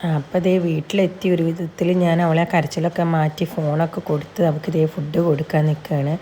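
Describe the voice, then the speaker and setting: A young adult woman, a mother vlogging with her little daughter, coaxing and teasing her with questions, then dropping to quieter asides for viewers. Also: low-pitched, little pitch movement, quick pace, background noise. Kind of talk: casual family vlog chat.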